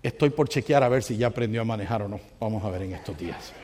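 A male pastor preaching a sermon with lively energy, often asking the congregation questions and telling personal anecdotes. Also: lowish voice, quick pace. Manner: animated, asks the congregation questions, tells anecdotes. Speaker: pastor and counselor.

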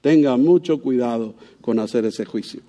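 A man's voice: medium pitch, moderate pace, dark tone. A man preaching a sermon in to a congregation, asking them questions and acting out quoted voices. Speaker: pastor.

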